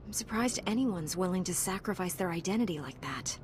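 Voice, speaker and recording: A woman's voice: fairly low pitch, expressive, a little fast, lightly acted. Woman as a resolute Jedi knight, noisy background. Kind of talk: scripted video game dialogue.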